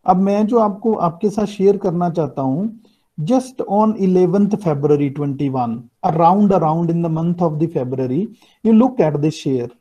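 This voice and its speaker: Over a video call with dull, lo-fi sound from his computer mic, a middle-aged finance teacher gives an online lecture in a blend of two languages, explaining material and checking with students. He has a North Indian accent, speaks Hindi natively, and his voice is high-pitched with a dark tone.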